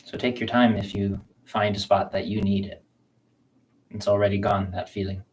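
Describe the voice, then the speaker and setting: A man with a fairly low voice leads a qigong self-massage session. He speaks slowly and gently, calmly guiding the listener's attention through the practice. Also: a little hiss or hum, poor audio. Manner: slow, calm, gentle guiding talk. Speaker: qigong teacher. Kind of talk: guided self-massage instruction.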